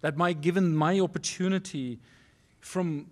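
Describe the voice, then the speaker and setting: A Norwegian man in his forties tells a personal story from a university auditorium podium. His voice sits a little high for a man, and his English is earnest and halting, full of restarts and non-native phrasing. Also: steady tone, a little mellow. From Norway. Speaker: keynote speaker. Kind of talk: storytelling keynote speech. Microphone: podium microphone.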